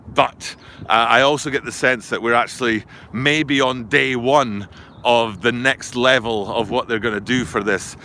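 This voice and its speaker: This Scottish vlogger has a mid-range voice that sounds pushed and bright. Filming live by a city river and highway, he chats in a rambling way and keeps correcting himself. Faint outdoor street noise, traffic and urban ambience can be heard behind him.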